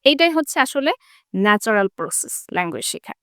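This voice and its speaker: A woman English teacher explaining in an interview. She asks rhetorical questions and keeps checking in with quick tag questions. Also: medium pitch, sing-song, fairly bright tone, no echo, clean studio sound.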